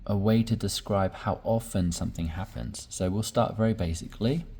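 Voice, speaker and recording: A man teaching English, slowly explaining sentence patterns and repeating examples with patience. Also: on the low side, dark tone, husky. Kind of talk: slow explanatory lesson.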